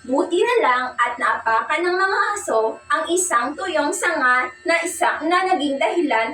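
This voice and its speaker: High bright sing-song young teacher. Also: female voice, animated, measured pace, slight background noise. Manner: sing-song, praising and quizzing pupils. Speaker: student teacher giving a demo lesson. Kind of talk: classroom teaching, reading a fable. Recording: echoey room, far from the mic.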